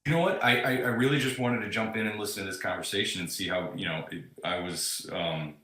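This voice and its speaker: A man's voice: deep voice, fast, bright, forceful tone. A man calling in to a talk show on speakerphone, hesitant and apologetic, stumbling through fillers as he talks. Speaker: caller. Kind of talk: casual call-in chat. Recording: echoey speakerphone call with notification sounds.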